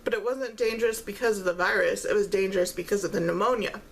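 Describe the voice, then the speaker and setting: A woman talks casually over a meal, chewing between and during her halting phrases. Her voice has a strong creaky fry at a middling pitch. Faint noise sits behind her. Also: steady tone. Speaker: vlogger eating on camera while talking. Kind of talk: casual mukbang-style chat.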